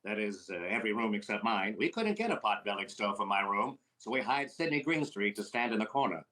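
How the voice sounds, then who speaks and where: A male actor with a lowish voice plays a brash, wisecracking comedian who talks fast, delivered in the deadpan style of 1940s radio comedy.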